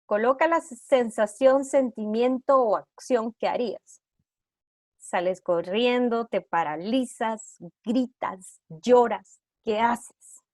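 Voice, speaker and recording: A woman with a fairly high, slightly mellow voice leads an online trauma-informed care workshop over a video call, recorded with dry, clean studio sound. She fires rapid rhetorical questions at her audience, one after another.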